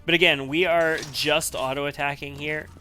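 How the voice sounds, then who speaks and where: A man's voice: a little high, steady tone, moderate pace, sharp tone, faint music behind. A man giving casual, analytical gameplay commentary, sometimes repeating himself as he thinks. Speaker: video game let's player. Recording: faint background noise.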